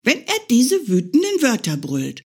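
A woman voicing a small, tousled young hare from a storybook who is curious and playful and talks in a high, wondering, childlike way. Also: huge pitch swings, unhurried, slightly rough, full character voice.

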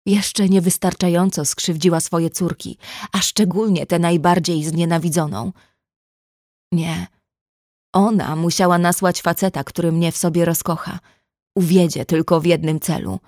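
A woman's voice: fairly low pitch, steady tone, normal speed, darkish tone, dry recording, studio quality, close to an everyday voice. A woman voicing a wounded, bitter young red-haired woman who makes tearful, cutting accusations in an audiobook.

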